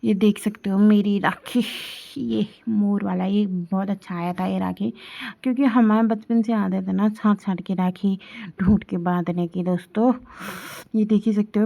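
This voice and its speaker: A woman's voice: medium pitch, creaky, phone-quality sound. A young woman from the Indian hills chatting casually to her viewers as she walks them through a family day. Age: young adult. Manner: chatty, showing and explaining to viewers. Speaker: vlogger. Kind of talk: casual family vlog narration.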